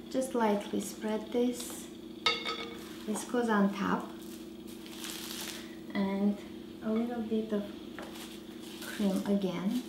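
A woman in her thirties hosting a home cooking show, giving slow, relaxed instructions with frequent fillers while she works. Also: mid-range voice, roomy sound, noisy background. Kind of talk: cooking demonstration. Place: large home kitchen.

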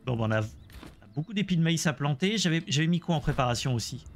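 A man's voice: fairly high pitch, animated, fast talker, a little hiss or hum. A man streaming a Let's Play, chatting casually about the game and joking with his viewers. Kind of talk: casual gameplay commentary.

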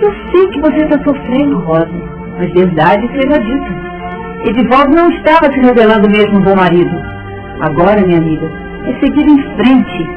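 A woman's voice: fairly high pitch, sing-song, moderate pace. An actress playing a blunt, practical Brazilian woman friend, frank and emphatic, in an old radio show drama. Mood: blunt consoling. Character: Tereza, blunt, practical female friend of a widow. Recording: dull old radio recording, music behind.

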